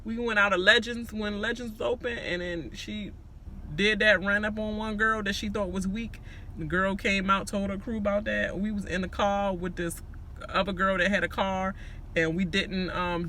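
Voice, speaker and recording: A man's voice: high-pitched, bright, forceful tone, a little hiss or hum. A man with a Washington, D.C. accent gives a casual, gossipy recap with sassy, slangy, profane commentary. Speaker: reality show recapper.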